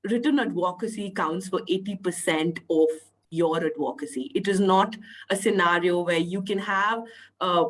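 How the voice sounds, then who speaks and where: A woman's voice: lowish voice, rough recording. A woman speaking on an online panel, nasal from a cough, earnest and full of "uh" fillers. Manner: earnest, filler-heavy, deliberate. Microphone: video call.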